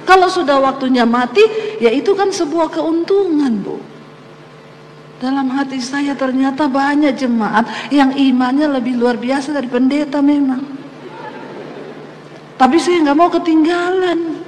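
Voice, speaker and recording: A woman's voice: high voice, unhurried, long pauses, slight background noise. A woman in her fifties, a pastor, preaching a sermon as a personal testimony and acting out the voices in her story. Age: 50s. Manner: animated storytelling, acts out dialogue. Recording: long hall reverb, faint ambience.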